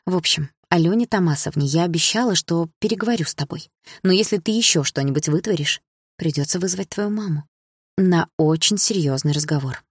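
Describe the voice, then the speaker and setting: A woman voicing a caring female homeroom teacher who talks softly and pleadingly in an audiobook. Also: fairly low pitch, brisk, husky, no echo, clean studio sound. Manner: soft, pleading. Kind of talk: audiobook character voice.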